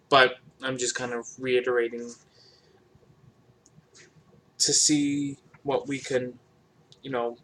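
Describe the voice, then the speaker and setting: A man casually chatting while cooking in his home kitchen, sounding low-energy and a bit sick with a dry throat, talking in a monotone full of fillers. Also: slight background noise. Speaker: cooking vlogger. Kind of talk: casual cooking vlog chat. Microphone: camera across the kitchen.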